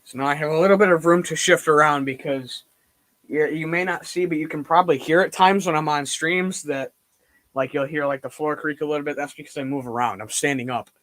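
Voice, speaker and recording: A young man chatting casually on a live stream from home while standing and moving around, so his voice drifts nearer and farther from the microphone. He rambles and reacts out loud. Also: fairly high pitch, fairly even intonation, fairly quick, no room sound. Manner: rambling, reacts loudly to plays.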